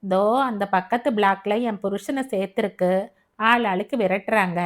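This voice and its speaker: A woman's voice: medium pitch, steady tone, moderate pace, lightly acted. A woman voicing a frank, plain-spoken working-class wife who chats bluntly about her husband in a hospital ward, in an audio novel. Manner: frank, rough, chatty.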